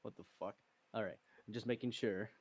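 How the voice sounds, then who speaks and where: A man playing a tabletop game in casual chat, thinking out loud and second-guessing himself. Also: fairly low pitch, steady tone, a little fast, slightly rough, dry recording. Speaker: player in an online tabletop battle.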